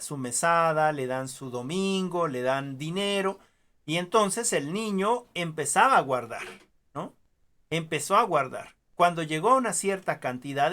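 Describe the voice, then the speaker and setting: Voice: mid-range voice, fairly bright tone. A teacher gives an online class, explaining through stories and examples, with many filler sounds and questioning tags.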